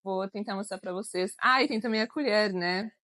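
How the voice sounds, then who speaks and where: A woman's voice: mid-range voice, fairly quick, a bit bright, no room sound. A woman who grew up in Germany with German as her native language, chatting casually as a teacher co-hosting an educational channel. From grew up in Germany, living in Brazil.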